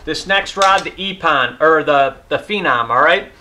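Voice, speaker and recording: A man's voice: on the high side, expressive, a little slow, pushed and bright. A man in his thirties, hosting a casual fishing gear review from his garage, talking with hands-on enthusiasm. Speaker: fishing channel host. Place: garage with boat and rods.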